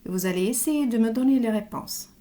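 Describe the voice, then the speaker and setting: A woman teaching a reading lesson to young children, sounding out letters and syllables slowly and deliberately. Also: a little high, mellow. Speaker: primary school teacher.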